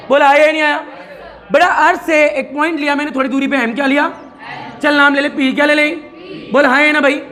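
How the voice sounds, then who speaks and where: A man's voice: extremely high pitch, sharp tone. A man teaching a physics class to students, quizzing them again and again and joking as he goes. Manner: keeps quizzing students with repeated questions and jokes.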